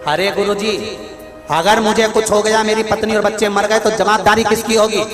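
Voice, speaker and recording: A man's voice: high voice, flat delivery, moderate pace, pitched above the performer's own voice, lightly acted. A man voicing an anxious wealthy middle-aged merchant, pleading in a raised, worried voice in an echoey hall with music behind.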